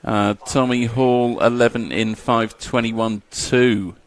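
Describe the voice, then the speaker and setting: Male race commentator, live commentary, chatty, jokey, mid-pitched voice. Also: steady tone, slow. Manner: chatty, jokey, reads out lap times.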